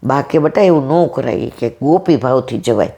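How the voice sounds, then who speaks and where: A woman's voice: rumbling low, moderate pace, gravelly. Older woman telling devotional stories. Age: 60s. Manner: lively storyteller, acting out each person's lines. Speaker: satsang speaker. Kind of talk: devotional storytelling talk.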